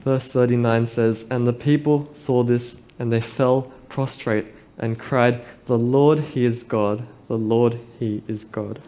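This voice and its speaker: A man delivers a sermon from a pulpit microphone. His voice is warm and mellow, held in a narrow, even band of pitch. He reads scripture and reflects on it in a measured, earnest way. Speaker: preacher.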